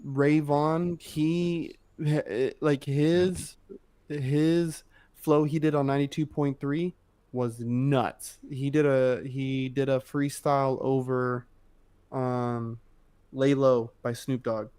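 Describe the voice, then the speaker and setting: A man co-hosting a casual podcast, talking with loose, animated energy and plenty of swearing. His voice sits at a middling pitch and comes through a close, dry mic with no room sound. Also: slow, smooth, no room sound. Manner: animated, swears, laughs a lot. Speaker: podcast co-host. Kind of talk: casual chat. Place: remote, three hours ahead.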